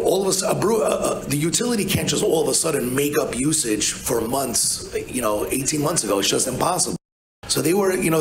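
This man's voice is fairly high with vocal fry, caught on a low-quality recording in an echoey room. He's an energy advisor on a conference panel in a big hotel conference room, talking casually and bluntly with lots of restarts and "you know."

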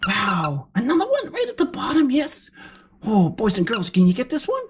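A woman voicing an excitable, encouraging furry puppet as a kids show host, with gasps and exclamations while teaching children. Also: medium pitch, moderate pace. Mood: excited, encouraging. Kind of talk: children's lesson, sing-out praise and questions. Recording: clear background noise.

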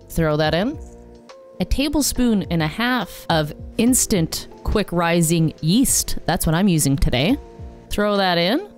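A woman's voice: on the low side, a little mellow. A young adult woman giving step-by-step instructions as an informal, playful voice-over. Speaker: vlogger giving a recipe.

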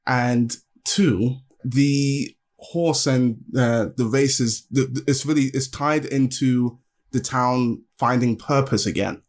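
A man giving an enthusiastic, halting film review on a podcast. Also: medium pitch, steady tone. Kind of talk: casual film review chat.

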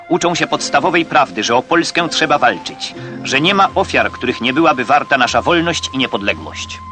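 Man narrating an old 1960s newsreel. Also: mid-range voice. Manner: crisp, declamatory, occasionally wry. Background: music.

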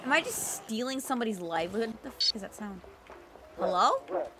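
A woman livestreamer giving excitable, exclaiming game commentary with plenty of swearing. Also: on the high side, quick pace, gravelly, background noise. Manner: animated, exclaiming and squealing. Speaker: livestreamer playing a video game. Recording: game music behind the voice. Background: game music and sounds.

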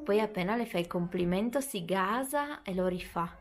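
A woman's voice: medium pitch, animated, normal speed, noisy background. A young woman and mother talking casually to her viewers in a home vlog, chatty and explaining things, filmed on a handheld camera in her kitchen and living room. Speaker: vlogger and mother.

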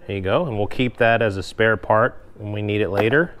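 Speaking a little fast in a fairly low voice, this kayak fishing vlogger casually guides his audience through an installation in a garage workshop. His manner is relaxed as he addresses viewers directly and breaks the job into clear steps for a hands-on tutorial.

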